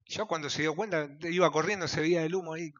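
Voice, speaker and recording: Man, Argentine pastor, evangelical sermon, high bright voice, dull lo-fi recording. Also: fairly even intonation, quick pace. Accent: Rioplatense Spanish. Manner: swings from shouting to low intense murmurs. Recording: dull lo-fi sound.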